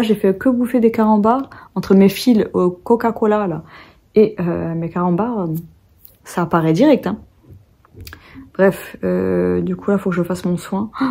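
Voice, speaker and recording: A woman's voice: mid-range voice, normal speed, gravelly, dark tone, breathy edge. A young French woman vlogging in casual chat, rambling with many fillers and restarts, sleepy.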